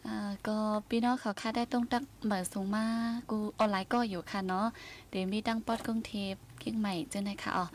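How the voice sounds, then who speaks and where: Fast-talking woman radio host. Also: medium pitch, steady tone, a little hiss or hum. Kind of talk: casual radio talk.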